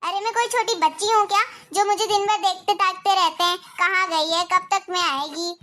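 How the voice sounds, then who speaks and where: A woman's voice: very high voice, fairly even intonation, moderate pace, bright, forceful tone. A woman voicing a resentful young wife in a cartoon story, scolding and demanding. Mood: angry.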